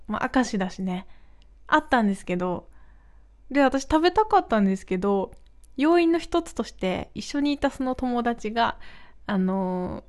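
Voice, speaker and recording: A young woman hosts her own podcast, telling a story in a relaxed, chatty way. Her voice sits a little high, and she jumps up for the quoted lines and laughs often between them. She sounds animated and easygoing from start to finish. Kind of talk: casual solo storytelling.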